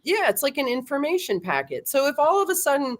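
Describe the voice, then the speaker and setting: A middle-aged woman guest in a casual interview, chatty and animated, laughing often and tagging her points with "right?". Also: sits high, quick pace.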